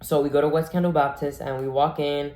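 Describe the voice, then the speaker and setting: A man's voice: on the high side, flat delivery, fairly quick, dark tone. A young man telling a story casually, full of "like" and acted-out quotes. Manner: chatty, full of "like", acts out quoted voices. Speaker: vlogger. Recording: echoey room.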